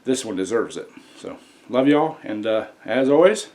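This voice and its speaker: An American man hosts a casual home cooking vlog from his indoor kitchen, chatting to viewers in a folksy, plain-spoken way and calling them y'all. His voice is fairly low and darkish in tone, animated, at a normal speed. The background noise is clear, with kitchen ambience.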